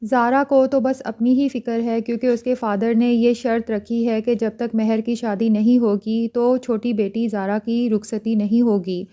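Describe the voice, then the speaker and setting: A woman's voice: a little high, little pitch movement, few pauses, mellow. A woman narrating an episode recap, retelling scenes and reading the characters' lines in her own voice. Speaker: drama reviewer.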